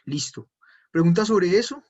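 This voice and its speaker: A husky, fairly high-voiced man, teaching German grammar step by step to a class. The sound is dull and muffled. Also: expressive, moderate pace, a little mellow. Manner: explains step by step, switching between Spanish and German drills. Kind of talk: online class explanation.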